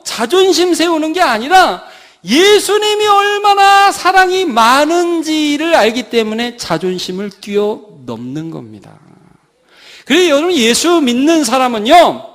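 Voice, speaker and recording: A male pastor preaching a Sunday sermon with dramatic swings, rising loud and then dropping to a hush. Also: very high voice, sing-song, moderate pace.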